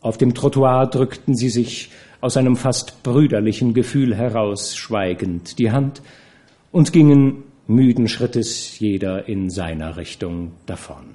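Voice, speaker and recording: A man reading a classic novel aloud as an audiobook narrator, expressive and measured. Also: mid-range voice. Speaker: audiobook reader. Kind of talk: scripted narration.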